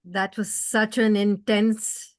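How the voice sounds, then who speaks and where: A woman moderating a talk, asking questions earnestly and haltingly as she searches for words. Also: mid-range voice, level tone, no echo, studio quality. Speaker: festival moderator. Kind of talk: conversational interview questions.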